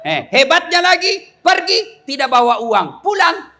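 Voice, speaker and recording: A middle-aged man, preaching a comic sermon with lively storytelling, shouting punchlines and laughing with the crowd. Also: very high-pitched, unhurried, noisy background. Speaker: Islamic preacher. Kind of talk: comic sermon to a large gathering.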